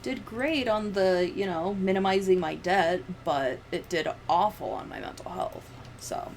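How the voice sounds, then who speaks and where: A young American woman livestreams while editing a video, chatting casually in a sweary, sardonic way. Her fairly low voice is unhurried and a little mellow. The recording has clear background noise and room ambience.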